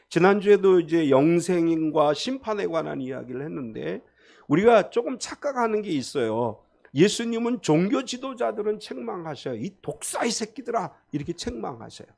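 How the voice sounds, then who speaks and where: A man's voice: high-pitched, vocal fry, a little mellow. A man preaching a sermon as pastor, talking expressively and acting out the people he quotes.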